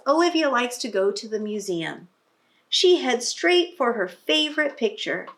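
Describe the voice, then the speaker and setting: Her voice sits a little high and has a slightly bright quality. She is reading a picture book aloud to young children in the manner of a teacher, expressively, with explanatory asides and questions that prompt them.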